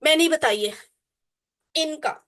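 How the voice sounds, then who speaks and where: Woman teacher, high voice, slow deliberate drills, class lecture. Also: a bit bright. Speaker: Quranic Arabic teacher.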